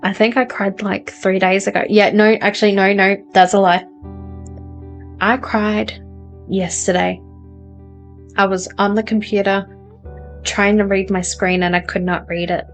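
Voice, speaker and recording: A chatty woman hosts a live stream and talks casually with viewers, often laughing at herself as she goes. Her voice sits at an ordinary middle pitch. Faint music plays softly underneath. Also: level tone, measured pace, pauses often. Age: adult. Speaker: tarot reader and livestream host. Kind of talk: casual chat reading out viewer comments.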